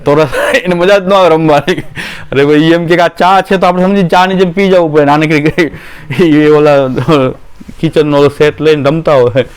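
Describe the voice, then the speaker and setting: Guy preaching, folksy stories, smooth clear voice kinda high. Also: fairly even intonation, normal speed. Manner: folksy, acts out quoted voices, laughs often. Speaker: religious teacher. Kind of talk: devotional story discourse.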